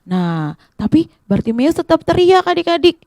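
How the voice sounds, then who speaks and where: A woman teaching children, telling a Bible story in an animated, direct way and speaking to the kids. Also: very high voice, normal speed, no room sound. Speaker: children's Sunday school teacher.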